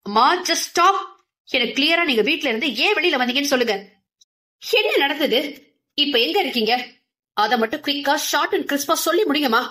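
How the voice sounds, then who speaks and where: A woman's voice: a little high, brisk, close to an everyday voice. A woman voicing a grown son who speaks sharply and urgently to his mother, in a clipped, commanding way. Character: anxious, short-tempered grown son.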